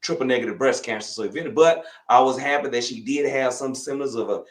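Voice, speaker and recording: Here the fifty-something physician from Louisiana talks quickly in a mid-range voice, his Southern accent and folksy, rambling habit of repetition on display during a relaxed interview. Reverb and poor recording quality color the sound.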